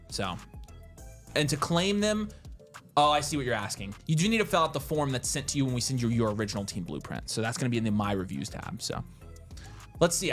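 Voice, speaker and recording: A man co-hosting a casual livestream, chatting excitably with quick asides and frequent restarts. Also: mid-range voice. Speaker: livestream co-host.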